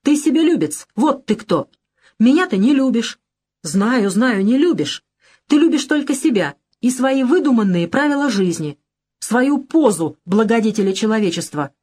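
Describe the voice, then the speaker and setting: A woman's voice: fairly high pitch, very animated, moderate pace, a little mellow, breathy edge, voice pushed up. Lady reading as an anxious young woman, pleading and emotional, audiobook dialogue. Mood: upset.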